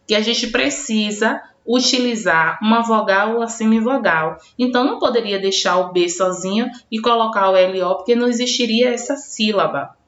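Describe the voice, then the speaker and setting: A woman's voice: medium pitch, fairly bright tone. Woman teacher, recorded lesson, patient classroom delivery, roomy echo. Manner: addresses imagined pupils by name, answering for them; slow, spelled-out classroom explanation. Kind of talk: recorded online grammar lesson. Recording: roomy, dull lo-fi home recording.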